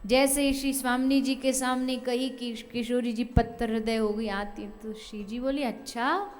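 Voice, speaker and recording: Brief: woman preacher, higher voice, vivid sermon storytelling, faint music behind. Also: moderate pace. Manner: emphatic, expressive storytelling. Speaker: devotional preacher.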